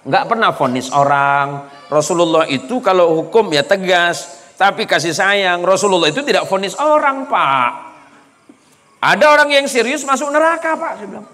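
A man's voice: sits high, animated, normal speed, sharp tone. A male preacher from Indonesia giving a humorous sermon at a mosque, slipping into local dialect and laughing often. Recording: hall reverb in a mosque.

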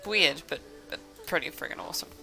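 A woman's voice: low voice, creaky, bright, forceful tone. A young woman chatting casually while playing an online game with friends, laughing often and easily amused, speaking close to her microphone. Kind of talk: casual gameplay chat. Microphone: close desk mic.

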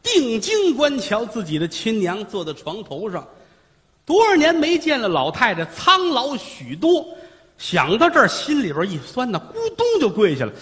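Solo comic storyteller, high pitch, lively swings, rhythmic telling. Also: male voice, normal speed, big-room sound. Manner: vivid, rhythmic narration.

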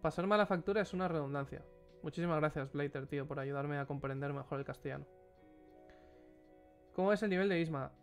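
With soft music in the background, a young Spanish-accented man from Spain reviews a player's matches on stream, offering blunt, offhand commentary through a headset and replying to chat questions. His voice is a little high and a little fast.

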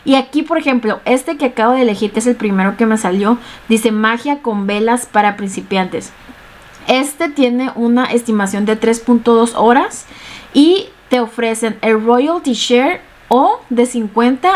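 A young woman giving a casual step-by-step screen-share tutorial from a small room at home, chatty and full of fillers. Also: a little high. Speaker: online tutorial host.

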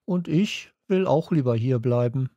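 A man reading a children's audiobook, voicing an eager young schoolgirl in a raised, excited voice. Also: medium pitch, a little slow, no room sound, muffled recording.

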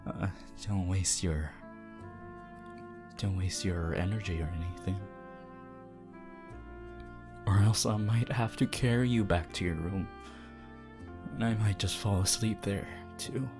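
Man voicing Hitoshi Shinsou, slow low sly flirt. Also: music in the background. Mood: teasing, tender. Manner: slow, hushed, teasing, pauses often. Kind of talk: ASMR character roleplay to the listener.

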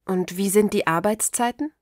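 A woman acts out a polite female job applicant for a language course. Her mid-pitched voice is interested and clearly articulated, recorded dry. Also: moderate pace, a little mellow, no echo, close to an everyday voice. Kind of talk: acted language-course dialogue.

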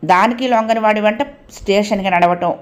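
A woman's voice: mid-range voice, fairly quick. Woman narrating an audio novel.

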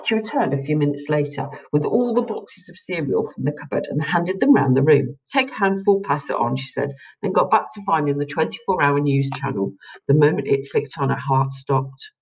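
A woman reading a children's book aloud to listeners with expressive storytelling. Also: low voice, moderate pace, slightly rough, low-quality recording.

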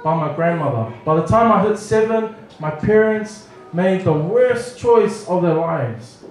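Animated preacher in an echoey hall. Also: male voice, sits high, measured pace, far from the mic, slight background noise. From New Zealand. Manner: animated, acts out family dialogue with lively gestures. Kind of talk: storytelling sermon. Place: church hall, small room. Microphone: handheld mic, far camera.

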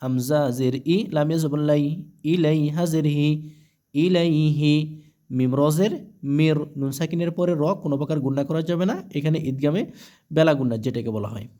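A man teaching Quran reading, spelling out each letter and vowel mark slowly, then chanting the joined words. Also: a little high, mellow. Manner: slow, syllable-by-syllable spelling with drawn-out recited phrases.

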